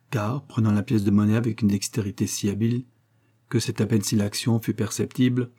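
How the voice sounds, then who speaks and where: A man narrating an audiobook in measured storytelling. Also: on the low side, warm tone, husky.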